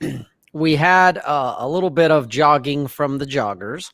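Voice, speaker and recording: A man co-hosting a casual video-call show, talking in a laid-back, blunt way and often clearing his throat. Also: on the high side, a little slow, fairly bright tone, no room sound. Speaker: podcast co-host. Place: home room, indoors.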